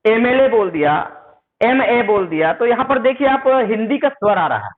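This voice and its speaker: A man's voice: extremely high pitch, big pitch swings. Hindi-speaking man teaching grammar, phone-quality audio. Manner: keeps asking "है ना?" to check the listener, repeats words slowly; spells out sounds and example sentences while writing. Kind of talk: spoken classroom lesson.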